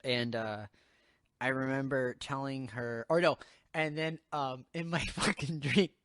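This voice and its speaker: A young man in casual podcast chat, his speech loose and rambling, full of swearing and filler words. His voice sits at an ordinary middle pitch. The recording is close and dry, with no room sound. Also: fairly even intonation, measured pace, fairly bright tone, clean tone, no room sound. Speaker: podcast host.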